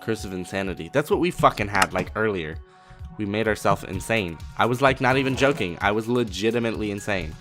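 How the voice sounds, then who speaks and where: A man hosting a video game let's play, commenting in a profane, excitable and jokey way. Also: on the low side, a little fast, faint music behind.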